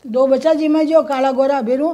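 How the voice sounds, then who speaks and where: Rajasthani lady teaching a home puja, high voice, motherly, calls everyone beta, slow singsong chanting. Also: steady tone, mellow, highs cut off. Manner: folksy, motherly, addresses viewers as children; slow, sing-song chanting of mantras. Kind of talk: instructional talk with mantra chanting.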